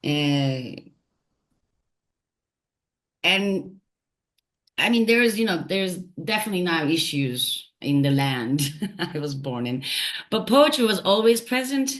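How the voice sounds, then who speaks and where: A woman from Turkey, a poet and translator, talking reflectively in an interview, thoughtful and halting with many fillers and restarts. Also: low-pitched, lively intonation.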